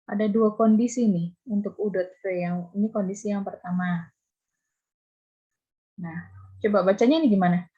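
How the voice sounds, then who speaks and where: A husky-voiced woman leads a math lecture over a video call, explaining terms and prodding students with repeated questions. Her voice comes through a muffled, dull online call. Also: medium pitch, fairly even intonation, moderate pace, pauses often. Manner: questions students, coaxing and scolding. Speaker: university lecturer.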